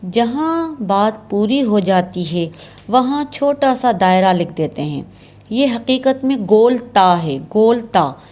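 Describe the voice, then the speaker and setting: A woman's voice: mid-range voice, darkish tone. A woman teaching Quran recitation signs in a patient, step-by-step way, repeating key terms. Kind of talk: slow explanatory lesson.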